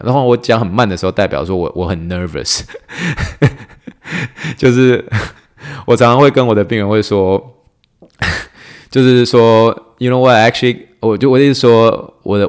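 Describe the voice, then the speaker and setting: A man hosting a casual podcast, a physical therapist who talks fast and laughs often, slowing down for English phrases. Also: lowish voice. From Taiwan. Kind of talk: casual podcast monologue teaching clinical English.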